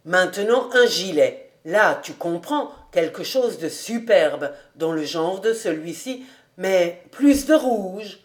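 A woman voicing a bashful, mild-mannered bachelor in an audiobook reading, dropping her voice lower for him. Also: lively intonation, takes it slowly. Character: bashful middle-aged bachelor man.

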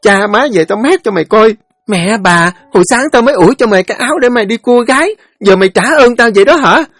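A man voicing a foul-mouthed, shrill teenage village girl who screeches curses and fast threats. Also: animated, dry recording. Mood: furious.

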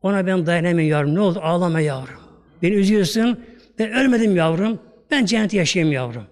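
A man's voice: high voice, expressive, fast, big-room sound. A man voicing the spirit of a martyred father who speaks tenderly to his child and keeps calling him "my child.". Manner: tender, pleading, repeats "my child". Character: dead martyr father, gentle and loving.

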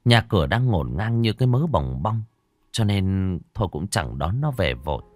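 A man narrating a ghost story in a measured, expressive way. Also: sits low.

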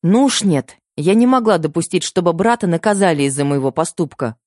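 A man's voice: on the high side, expressive, brisk, darkish tone, no room sound, studio quality, voice pushed up, lightly acted. A man voicing an impulsive young woman, the story's heroine, who blurts things out in a raised voice. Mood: self-reproachful. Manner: blurting, breathless pleading.

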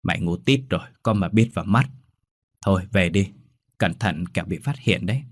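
A man voicing a sharp-tongued scolding mistress. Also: deep voice, normal speed, no room sound. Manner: scolding, commanding.

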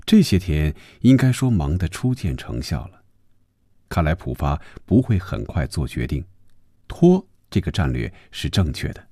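A man narrating a novel for a radio audiobook with an expressive, fluid storytelling manner, recorded on a close studio mic. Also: sits low, dry recording.

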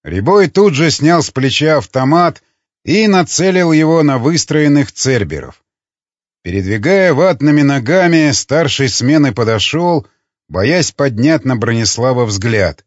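A man reading an audiobook aloud in a dramatic, expressive narrating voice. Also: mid-range voice, measured pace, dry recording, dull audio. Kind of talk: scripted narration.

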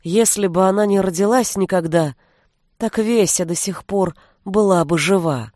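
A woman reading a fantasy audiobook in steady, measured narration. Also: mid-range voice, no room sound, clean studio sound. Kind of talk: scripted narration.

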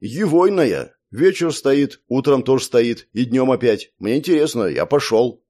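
A man's voice: medium pitch, expressive, unhurried, mellow. A man reading an audiobook and voicing a nervous, evasive older village man with folksy rural speech.

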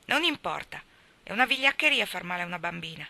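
A woman's voice: mid-range voice, very animated, a little fast, bright, forceful tone, heavily acted. A woman reading aloud, voicing an earnest little boy who reproaches the others with an innocent air.

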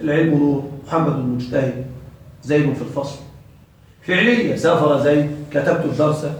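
Male grammar teacher, thirties, high voice, keeps quizzing the class, recorded from a distance in a very echoey room. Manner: quizzing students, repeating terms with rising questions.

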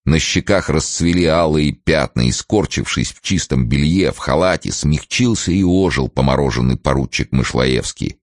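Very deep-voiced male audiobook narrator. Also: normal speed, hardly any pauses, no echo, clean studio sound. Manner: expressive, literary reading. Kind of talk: audiobook narration of a classic novel.

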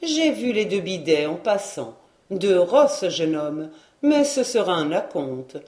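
A woman's voice: lowish voice, sing-song, takes it slowly, a little mellow. A woman reading the part of a sly, wheedling little middle-aged clothes dealer, in a roomy home recording. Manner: wheedling, waddling merchant.

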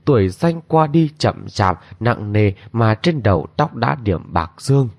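A man voicing an aging noble lady who laments old guilt in long, drawn-out cries, on a dull lo-fi recording. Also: on the low side, expressive, vocal fry, darkish tone, dry recording, studio quality, exaggerated voice. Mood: sorrowful.

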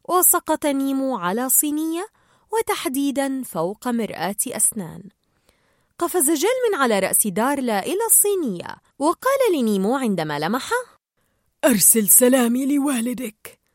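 A woman narrating a children's storybook aloud in an expressive, lively way. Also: high-pitched, moderate pace, dry recording, clean studio sound.

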